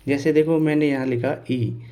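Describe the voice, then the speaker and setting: A male teacher explaining pronunciation step by step, asking questions and answering them himself, repeating key words slowly and spelling out letters. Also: fairly high pitch, steady tone, dark tone. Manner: clears his throat now and then. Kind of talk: Hindi lesson on English pronunciation.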